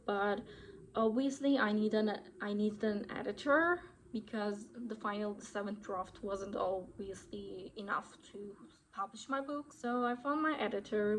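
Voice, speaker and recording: A young adult woman from Turkey, an author who vlogs, talks casually to camera with a Turkish accent and a mid-range voice. She is chatty and keeps correcting herself, often saying "I would say", and the audio is poor with slight background noise.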